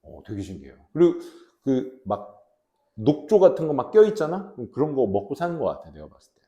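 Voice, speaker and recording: Chatty teacher with a lively voice. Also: male voice, medium pitch, roomy sound. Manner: chatty, jokes with students, asks them questions; reads English slowly, then translates into Korean. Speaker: high school English teacher. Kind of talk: casual classroom lecture. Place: classroom.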